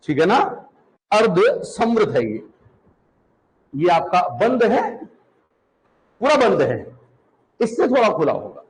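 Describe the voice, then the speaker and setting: A male teacher with a high, lively voice that rises and falls a lot. He speaks slowly and repeats each term so students can take notes. He asks the class questions and then answers them himself. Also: low-quality recording. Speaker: Hindi teacher. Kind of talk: classroom lecture.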